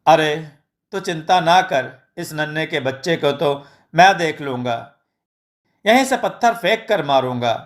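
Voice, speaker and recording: A man voicing a half-deaf, boastful young village man who mishears and rambles loudly. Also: on the high side, expressive, measured pace.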